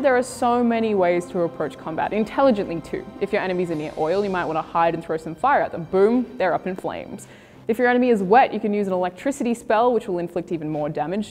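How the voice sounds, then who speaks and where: A woman's voice: medium pitch, expressive, fast, darkish tone. A woman reading scripted video game reviews and news as a presenter. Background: music.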